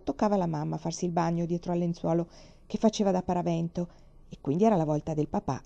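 A woman reading a children's storybook aloud in a calm, measured way. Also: lowish voice. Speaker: reader. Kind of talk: storybook narration. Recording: dull lo-fi recording.

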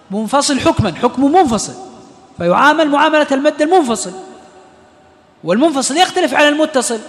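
High-voiced man teaching in a hall. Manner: explains step by step, quizzes students. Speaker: Quran recitation teacher. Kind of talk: classroom lesson on tajweed.

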